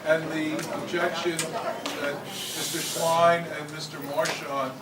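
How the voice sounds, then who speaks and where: A man, an election board official, speaking at a hearing in a measured, businesslike way. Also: a little high, level tone, a loud crowd. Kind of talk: procedural talk at a hearing. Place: hearing room. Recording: distant mic in an echoey, noisy room.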